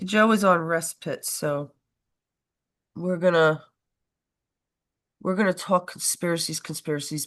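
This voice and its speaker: Stuffed up from a cold, a woman with a lowish, slightly bright voice co-hosts a casual political livestream chat. She rambles, cuts herself off mid-sentence, and laughs often.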